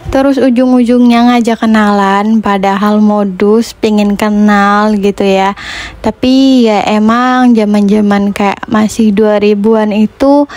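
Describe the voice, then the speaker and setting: A woman's voice: medium pitch, a little mellow. A woman in her late twenties, telling a personal story in a chatty, conversational way as a vlogger. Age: late 20s. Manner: chatty, conversational, with frequent fillers. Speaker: vlogger and housewife. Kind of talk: casual storytelling voice-over.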